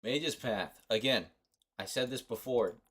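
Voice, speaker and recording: A man's voice: mid-range voice, measured pace, a bit bright, breathy edge. A young man from Costa Rica streaming a mobile game, chatting offhand and rambling to his viewers. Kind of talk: casual livestream commentary.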